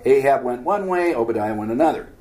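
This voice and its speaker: A man's voice: medium pitch, lively intonation, fast talker, a little mellow, poor audio. A man teaching a Bible study, reading scripture aloud and breaking in with casual, joking commentary. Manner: reads scripture aloud then adds joking asides, acts out voices.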